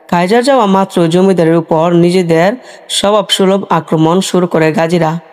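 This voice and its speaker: A man giving scripted history narration as a storyteller, in a steady storytelling delivery. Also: high voice.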